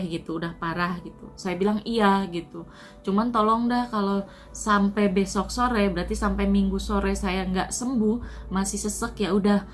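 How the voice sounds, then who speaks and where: A woman from Indonesia casually recounting her own illness and recovery at home, soft and earnest, often trailing off at the ends of phrases. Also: mid-range voice. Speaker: Indonesian migrant worker sharing her COVID recovery. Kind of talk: casual personal storytelling.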